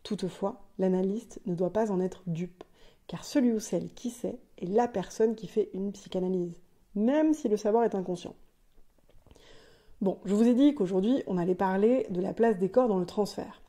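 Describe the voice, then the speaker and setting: A woman's voice: mid-range voice, normal speed, mellow. A woman hosting a podcast, delivering a scripted, explanatory solo monologue with light asides. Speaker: podcast host.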